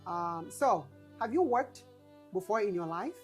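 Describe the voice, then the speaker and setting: A woman's voice: mid-range voice, lively intonation, unhurried, faint music behind. A woman interviewing casually, encouraging and often rephrasing her questions as she goes.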